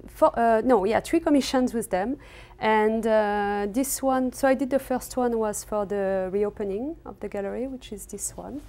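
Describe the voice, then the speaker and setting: A textile artist with a French accent, raised in West Africa in Senegal and Cameroon, is interviewed casually in her studio and answers hesitantly with many fillers. Her warm voice is a little high, at a moderate pace with few pauses.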